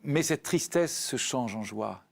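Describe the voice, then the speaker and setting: An earnest man speaks as a guest in a spiritual radio discussion. His pitch sits in the middle of the range, and he often repeats words while reaching for the next thought. He talks in a reflective, unscripted way. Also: animated, normal speed, a little mellow.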